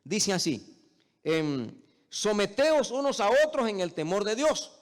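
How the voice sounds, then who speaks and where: A male pastor preaching to his church with a fairly high-pitched voice. He moves from easy storytelling into loud, emphatic stretches and keeps addressing the congregation as brother. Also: sing-song, measured pace, big-room sound. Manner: addresses listeners as "hermano". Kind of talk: sermon. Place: church service.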